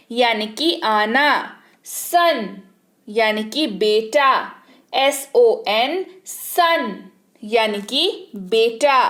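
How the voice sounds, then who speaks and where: A woman teaching English words, spelling each one out letter by letter and repeating it with its meaning. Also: high-pitched. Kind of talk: slow teaching lesson, spelling words aloud.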